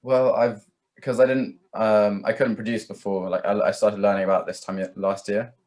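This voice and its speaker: A young male musician, a guest in a casual interview chat, speaks in a fairly low, darkish voice with a level tone at normal speed. He rambles and hedges, filling his talk with "like" and "kind of."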